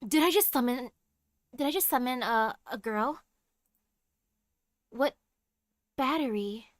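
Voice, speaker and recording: A woman's voice: a little high, takes it slowly, no echo, studio quality. A woman streamer chatting casually and giggling while reading a game's text aloud. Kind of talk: casual game stream commentary.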